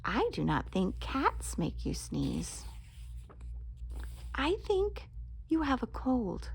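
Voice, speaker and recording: A woman plays a storybook cat doctor, calm and matter-of-fact. The delivery is very slow, measured and reassuring. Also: fairly high pitch, vocal fry, breathy edge, full character voice.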